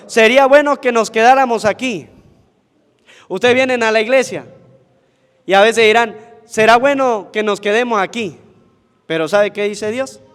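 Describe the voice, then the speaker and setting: High-voiced priest preaching. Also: male voice. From Venezuela. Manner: asks the congregation questions and answers them himself. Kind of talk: sermon at Mass. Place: church. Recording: long church reverb.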